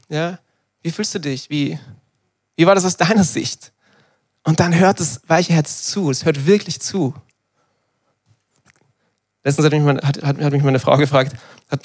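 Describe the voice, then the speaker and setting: A man, preaching a sermon in a lively, conversational way and acting out little dialogues. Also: on the high side.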